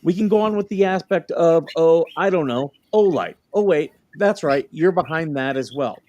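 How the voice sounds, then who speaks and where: A man's voice: fairly high pitch, animated, moderate pace, darkish tone, no room sound, lo-fi sound, close to an everyday voice. A man playing a defensive, indignant plaintiff in a dramatic deposition reading, with hammy, sarcastic emphasis. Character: defensive, indignant male plaintiff under questioning.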